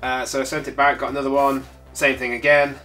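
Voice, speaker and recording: Soft music plays behind a man with a mid-range, sharp-toned voice whose delivery is flat and brisk. Hosting a toy collector channel while stuffy from a cold, he unboxes a collectible in a chatty, rambling manner with many fillers.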